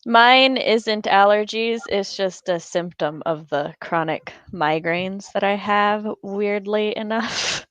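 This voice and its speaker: A woman chatting as a guest on a livestream, easygoing and quick to laugh. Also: medium pitch, fairly bright tone, clean tone, no echo. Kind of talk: casual chat on a livestream.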